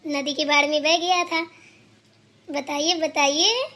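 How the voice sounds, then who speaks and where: A woman's voice: sits high, steady tone, slow pace, sharp tone, exaggerated voice. A woman voicing a dutiful, chatty young daughter-in-law in a cartoon who explains herself at length. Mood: cheerful. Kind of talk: cartoon voice acting.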